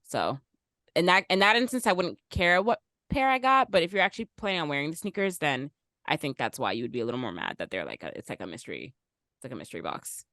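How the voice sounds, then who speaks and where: A young woman co-hosting a casual podcast with friends. Her voice sits a little low yet moves all over as she talks, full of "like" and quick laughs. The sound is dry and close to the mic. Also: big pitch swings, pushed and bright, no echo. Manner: chatty, laughs often, lots of "like". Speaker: podcast co-host. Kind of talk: casual chat.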